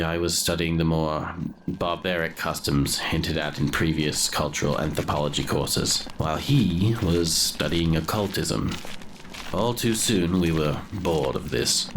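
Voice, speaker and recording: For an audio drama, a man with a bass voice plays a young grave robber haunted by guilt, narrating his own ruin in a brooding, deliberate way. Clear background noise sits under his voice.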